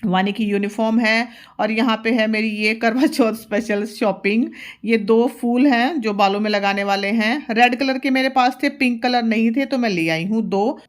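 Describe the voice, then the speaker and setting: A woman's voice: fairly high pitch, normal speed. Chatty mother narrating a home vlog. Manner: chatty, homely, explains step by step. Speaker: vlogger, mother.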